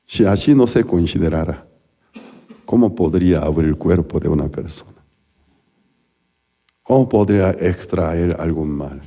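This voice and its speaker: A man's voice: low voice, a little slow, long pauses, mellow. A male pastor delivering a sermon, telling stories animatedly with acted-out quotes and sound effects.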